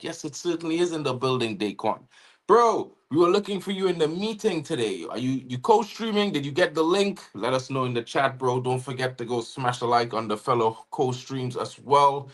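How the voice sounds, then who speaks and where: Animated and moderately paced, this mid-range Trinidadian voice belongs to a co-host of a live football watchalong. He talks casually, calls out viewers by name, and keeps saying "you know what I mean."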